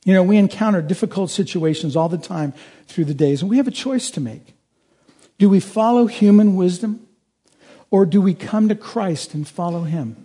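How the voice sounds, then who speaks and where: A man's voice: high voice, animated, normal speed, dark tone, slightly rough. A man preaching a sermon to his congregation, earnest and building to emphatic peaks. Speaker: pastor.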